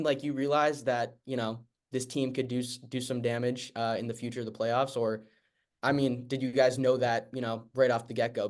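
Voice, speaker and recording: A man co-hosting a sports podcast, asking long questions in a hesitant, halting way. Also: medium pitch. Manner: hesitant, many "uh" and restarts while asking. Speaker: podcast co-host.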